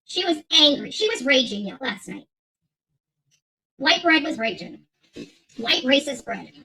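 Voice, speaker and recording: On a low-quality recording, this middle-aged woman's high-pitched voice is creaky, pushed and bright, with a sing-song quality and measured pace. As the channel host of an unscripted livestream rant, she reads and answers chat emphatically and combatively, saying phrases again and again.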